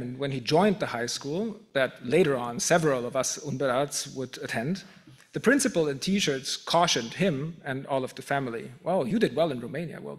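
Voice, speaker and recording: A middle-aged man with a German accent delivering a prepared acceptance speech as a professor, measured and self-deprecating, with occasional restarts. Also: mid-range voice. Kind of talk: formal prepared speech with humor.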